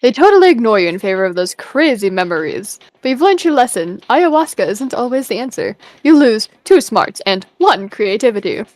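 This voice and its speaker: A woman's voice: on the high side, sing-song, brisk, hardly any pauses, a little mellow, no room sound. A young woman playing a video game with a friend, reacting expressively, swearing casually, and reading out game text. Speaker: gamer.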